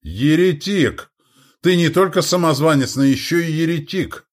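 A man voicing a blustering, irritable and cowardly middle-aged duke in an audiobook, talking in an indignant shout. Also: mid-range voice, very animated, a little slow. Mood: commanding. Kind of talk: audiobook character voice.

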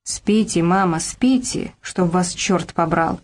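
A woman's voice: medium pitch, unhurried, darkish tone, natural voice. A woman voicing a worn-out working mother who scolds her son, hissing through her teeth, in an audiobook. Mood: irritated.

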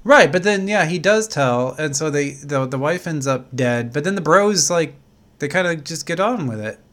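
A man co-hosting a podcast, chatting casually, laughing often and acting out characters in loud, excited voices. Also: fairly high pitch, normal speed. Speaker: podcast co-host. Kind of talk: casual chat.

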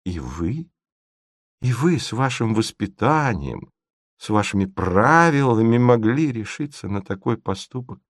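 A man voicing a scheming middle-aged lady who speaks in a soft, hushed, sorrowfully sweet tone in a storybook reading. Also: fairly low pitch, big pitch swings, unhurried, dry recording, clean studio sound. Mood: reproachful.

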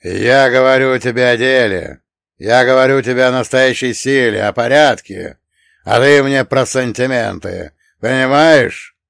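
Man doing a thick-voiced, domineering old mob boss, loud and lecturing; low, dry audiobook read. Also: unhurried, smooth, no room sound, lightly acted. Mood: angry. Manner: raises his voice, lecturing. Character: older mafia boss, heavy, domineering, scornful.

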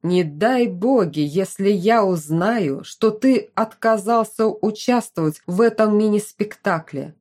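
A hot-tempered young fire mage growls and snaps his threats in slow, weighty phrases, as a woman reader puts him on. His tone sits low and mellow rather than sharp. He is a protective figure in a fantasy audiobook. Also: lightly acted. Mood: furious, growling. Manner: growling, snapping.

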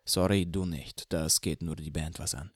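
A man's voice: low-pitched, fairly even intonation, moderate pace, dry recording, clean studio sound, pitched below the performer's own voice. A man voicing a brusque male band member who speaks curtly and urgently. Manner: curt, urgent.

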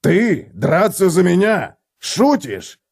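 A man voicing a furious, scornful old dwarf warrior who bellows slowly and heavily in an audiobook. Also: medium pitch, creaky, darkish tone. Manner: bellowing, slow and heavy.

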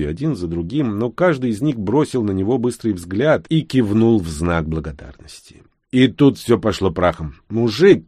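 A man narrating an audiobook in a steady, tense storytelling manner. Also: on the low side, no echo, studio quality. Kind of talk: scripted narration.

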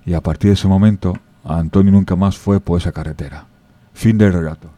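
A man's voice: deep voice, fairly even intonation, fairly quick, warm tone, dry recording. A man with a Spain Spanish accent telling stories and jokes in a chatty way, talking straight to his listeners. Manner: chatty, addresses listeners directly, with restarts. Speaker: storyteller. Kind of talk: informal storytelling and jokes.

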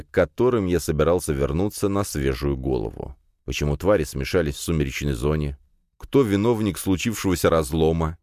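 A man reading a fantasy audiobook aloud in steady first-person storytelling. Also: sits low, no echo, studio quality. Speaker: audiobook narrator. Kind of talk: scripted audiobook narration.

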